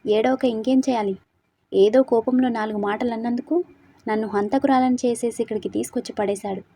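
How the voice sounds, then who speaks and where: Tearful stubborn young bride, plaintive, dark husky tone as a woman narrator puts her on. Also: a little high, steady tone, fairly quick. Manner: sobbing, pleading.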